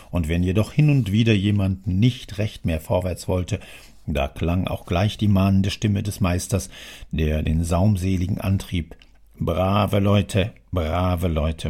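A man reads classic prose aloud in a measured storytelling manner. His voice is low, dark and mellow, with a gravelly, husky edge. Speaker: narrator. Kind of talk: audiobook reading of classic prose.

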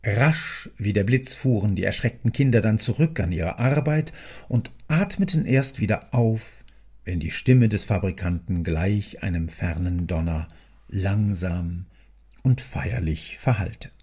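A man narrating classic prose in an audiobook with a measured storytelling manner and a gravelly, husky voice. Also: deep voice, warm tone.

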